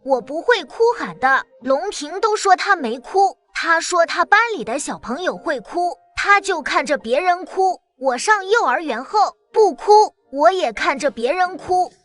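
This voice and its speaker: A woman voicing a cheeky little boy in an animated drama, who talks in a chatty, blunt, childlike way. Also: extremely high pitch, a little slow, few pauses, faint music behind, heavily acted. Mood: chirpy. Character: small cheeky boy about to start kindergarten.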